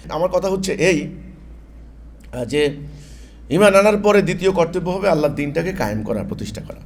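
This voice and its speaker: Male preacher from Bangladesh, emphatic and repetitive delivery, voice pitched a little high. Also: expressive, brisk. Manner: emphatic, repeats phrases, mixes in English words. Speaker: Islamic preacher. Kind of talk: sermon-style religious talk.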